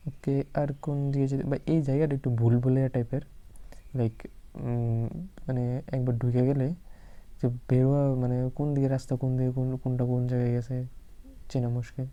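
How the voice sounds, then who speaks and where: A man gives running horror game commentary from a room at night, where he plays alone. His voice is very dark and mellow, pitched around the middle. He talks in a chatty stream and often repeats short words in quick bursts. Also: dull audio. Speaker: gaming channel host.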